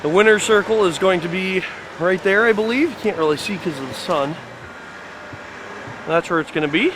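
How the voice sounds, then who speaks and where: A man's voice: high-pitched, animated, moderate pace, background noise. Enthusiastic man on an outdoor site tour. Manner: enthusiastic, rambling with fillers. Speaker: fan site video host. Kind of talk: casual walking site tour.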